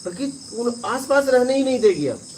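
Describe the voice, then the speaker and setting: A man with a notably high-pitched voice gives a spiritual discourse in a relaxed, conversational way. He tells parables and keeps checking that his listeners follow, over a faint hiss of background noise. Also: fairly quick. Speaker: spiritual teacher.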